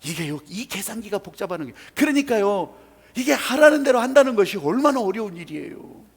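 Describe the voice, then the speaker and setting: A male pastor preaching a sermon in a church, telling a story with animated, emphatic asides. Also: high voice, fairly quick, slightly rough. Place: church sanctuary. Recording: reverberant church hall.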